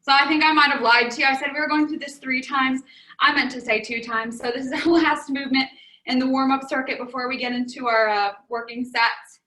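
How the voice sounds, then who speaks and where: An echoey room carries the brisk, high-pitched, bright and forceful voice of a young woman coaching a home workout. She stays steady in tone, cheerfully counting down exercises despite being slightly winded.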